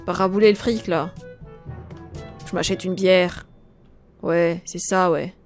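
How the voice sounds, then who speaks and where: A woman's voice: lowish voice, steady tone, slow, faint music behind. A woman playing a sullen, blunt young female contestant, a gloomy loner, with an offhand grumbling way of talking in a comedy role-play.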